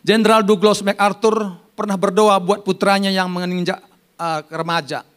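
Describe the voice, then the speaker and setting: Seorang pendeta pria berkhotbah dengan hidup, bergantian antara seruan keras dan sisipan pelan, sambil bercanda dengan jemaat. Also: male voice, sits high, normal speed. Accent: Indonesian. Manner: animated preaching with loud rises and soft asides; jokes with the congregation by name. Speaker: pastor. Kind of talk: sermon.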